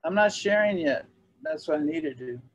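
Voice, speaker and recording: A man's voice: on the high side, animated, moderate pace, muffled recording. A man hosting a community meeting on a video call, talking casually and restarting his sentences. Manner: hesitant, restarts often. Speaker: host.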